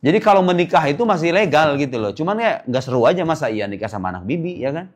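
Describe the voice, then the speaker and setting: A man's voice: on the high side, lively intonation, rapid-fire. A male Islamic preacher giving a casual religious lecture, quizzing listeners with rhetorical questions and jokey asides. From Indonesia.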